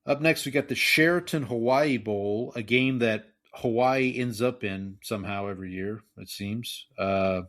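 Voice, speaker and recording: Guy cohosting a podcast, reads the betting lines flat and wry, medium voice. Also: medium pitch, normal speed, hardly any pauses. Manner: wry, reads matchups and spreads plainly. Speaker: podcast co-host. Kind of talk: casual sports-betting chat.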